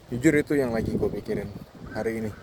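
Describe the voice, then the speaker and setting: A man in his twenties with an Indonesian accent and a fairly low voice vlogs while walking outdoors, giving a candid, casual, reflective monologue. He pauses often and slips in English phrases, with wind and ambient noise around him.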